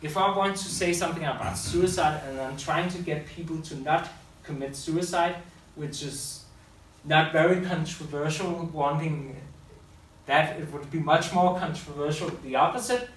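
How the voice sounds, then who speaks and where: This man's pitch is fairly high and his intonation fairly even, with a moderate pace and a slightly bright sound. A school teacher who also does public speaking, he gives a loose, unscripted talk to an audience in a room, often fixing his words mid-sentence. The audio is far-off and echoey, with faint hiss.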